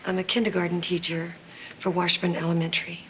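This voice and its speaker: An actress playing a sincere kindergarten teacher testifying plainly and earnestly in a TV courtroom drama. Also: female voice, on the low side, completely flat delivery, fairly quick, fairly bright tone, a little hiss or hum, natural voice, poor audio. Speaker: witness. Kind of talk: television courtroom drama acting.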